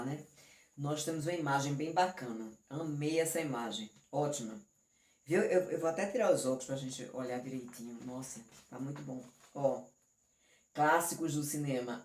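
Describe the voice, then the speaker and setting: A Brazilian woman teacher with a Brazilian Portuguese accent, reviewing an exam in an animated, affectionate way and using many diminutives. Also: low voice. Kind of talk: online exam review lesson. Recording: roomy and distant from the mic.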